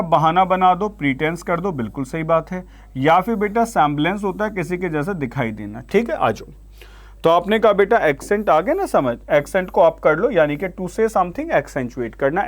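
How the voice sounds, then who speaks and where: An Indian man teaching an online vocabulary lesson, calling students "beta" and reading English examples slowly before explaining them. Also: high voice, lively intonation.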